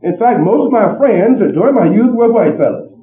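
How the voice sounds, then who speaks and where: A man's voice: sits high, normal speed. A middle-aged man from western Pennsylvania giving a folksy personal lecture, telling stories with joking asides. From western Pennsylvania, USA. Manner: animated storytelling with joking asides. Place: lecture room with an audience. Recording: tinny, echoey old archival tape from far off.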